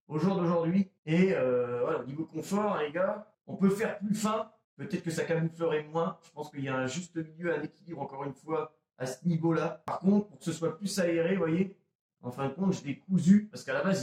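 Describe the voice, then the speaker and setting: A man's voice: a little high, a little mellow. A man casually showing his airsoft gear to viewers, chatty and self-mocking, talking straight to the audience. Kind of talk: casual gear show-and-tell. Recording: roomy echo, mic a bit far off.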